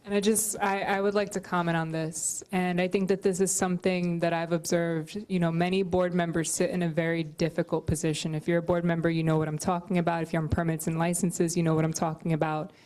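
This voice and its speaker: A woman chairing a community board meeting, measured and reflective, dropping in "right?" asides. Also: fairly low pitch, level tone, a little mellow.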